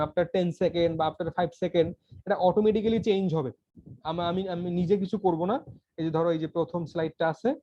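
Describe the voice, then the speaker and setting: Fast, high-voiced computer teacher. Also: male voice, warm tone. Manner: informal, many fillers and restarts, addresses learner as তুমি. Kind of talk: casual screen-recorded tutorial. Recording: dull lo-fi voice recording.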